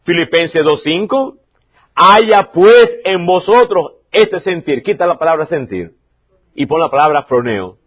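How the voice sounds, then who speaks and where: A man preaching a sermon as pastor, emphatic, repeating key lines and swinging from loud to quiet. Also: a little high, animated, measured pace, slightly rough, muffled recording. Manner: emphatic preaching, repeats key phrases, varies loudness sharply.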